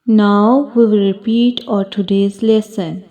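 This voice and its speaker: A woman teaching a slow alphabet lesson for children, deliberately repeating each sound for pupils to copy. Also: medium pitch, fairly even intonation, dark tone, poor audio. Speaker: Quran teacher.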